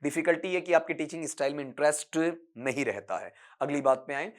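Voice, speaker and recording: A man teaching an online exam-prep lesson, who reads English options slowly and then explains them in Hindi, asking and answering his own questions. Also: on the high side, animated.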